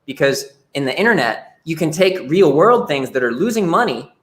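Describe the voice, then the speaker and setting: A man's voice: a little high, very animated, moderate pace, fairly bright tone. A young man talking frankly as a podcast guest, often repeating words as he starts a sentence. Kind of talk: casual interview chat.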